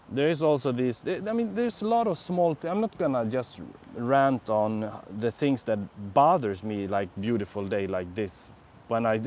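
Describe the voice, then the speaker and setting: A young Swedish vlogger with a Swedish accent chats casually on a live stream from a city park, rambling reflectively and answering viewers' comments. His voice is medium-pitched with a darkish tone, and there is a little hiss or hum in the audio.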